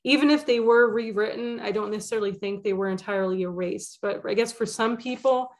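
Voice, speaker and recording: A woman's voice: medium pitch, fairly quick. Rambling woman with many fillers. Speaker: spiritual channel host. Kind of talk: casual monologue.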